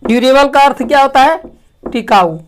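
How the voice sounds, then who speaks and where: A woman teaching a language lesson, asking questions and answering them herself, clearing her throat often. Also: sits high, lively intonation, moderate pace. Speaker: English teacher. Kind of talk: classroom lesson.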